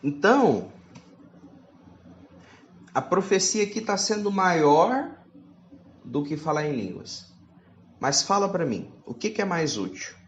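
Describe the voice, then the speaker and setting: A man's voice: a little high, sing-song, slow pace, pauses often, roomy sound, dull audio. A man preaching a teaching sermon, reading scripture aloud and asking his listeners rhetorical questions.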